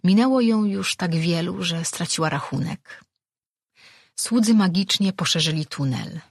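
A man reading a fantasy audiobook as narrator, in slow, measured scripted narration. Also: sits high, vocal fry, no room sound, clean studio sound.

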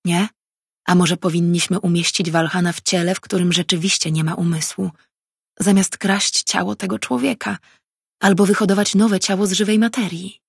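A woman's voice: on the low side, fairly even intonation, normal speed, vocal fry, breathy edge, dry recording, clean studio sound. A woman reading an audiobook voicing a troubled but defiant young female mage who speaks earnestly and reproachfully.

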